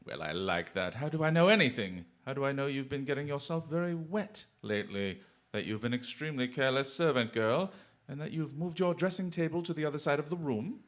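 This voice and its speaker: Voicing a brilliant, playfully confident English gentleman detective for radio drama, an actor speaks in eloquent bursts of exclamation. The mood is delighted and teasing, his mid-range voice animated, brisk and close to everyday speech.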